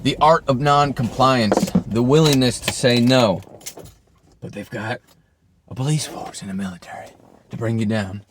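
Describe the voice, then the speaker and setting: A man's voice: medium pitch, a little hiss or hum. A man delivering an off-the-cuff, emphatic opinion rant, swearing and often checking in with the listener. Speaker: vlogger.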